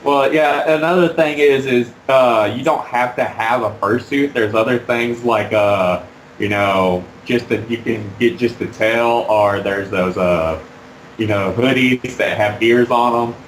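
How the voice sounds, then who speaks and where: A man being interviewed about fursuiting while wearing a fursuit head, talking in a halting, rambling way with many fillers. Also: mid-range voice, fairly even intonation, roomy sound, a little hiss or hum, low-quality recording. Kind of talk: casual interview.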